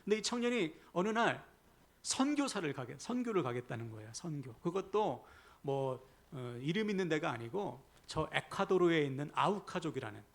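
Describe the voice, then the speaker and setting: A man's voice: fairly high pitch, sing-song, normal speed. A male pastor preaching a sermon in a church, speaking emphatically and putting questions to the congregation. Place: church sanctuary.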